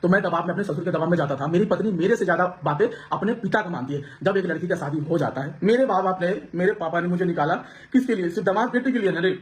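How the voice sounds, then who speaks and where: A man with a high voice gives an aggrieved account to his viewers. He rushes at a breakneck pace, with many restarts, and a faint hum of ambience sits behind him. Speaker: vlogger. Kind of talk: emotional personal account to camera.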